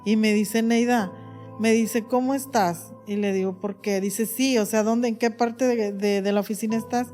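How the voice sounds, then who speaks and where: A woman's voice: on the high side, steady tone, normal speed, dark tone, soft background music. A woman pastor telling her testimony in an interview, emotional and full of fillers. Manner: emotional storytelling with many fillers.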